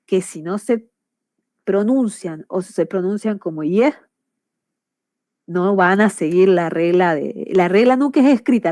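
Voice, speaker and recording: Female teacher explaining grammar, middle pitch, dry recording. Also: a little mellow, dry recording. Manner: patient and explanatory, with frequent checks for understanding. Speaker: English teacher.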